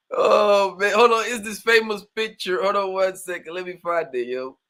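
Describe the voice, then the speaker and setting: A young livestream host, born in Colombia and raised in Brooklyn, New York, speaks with a New York accent while joking loosely and calling out chat viewers by name. His voice sits high and has a fairly bright tone.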